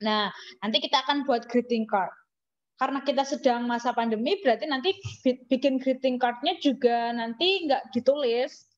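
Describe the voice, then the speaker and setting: A woman's voice: high voice, moderate pace. A woman with an Indonesian accent teaching an English lesson, chatty and teasing, asking questions and answering them herself. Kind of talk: classroom lesson. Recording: dull lo-fi recording.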